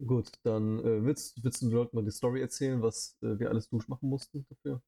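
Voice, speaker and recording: A young man in his twenties rambles casually as a podcast co-host, dropping plenty of fillers. His voice is mellow and warm, captured through a headset microphone. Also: medium pitch, fairly even intonation, brisk. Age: 20s.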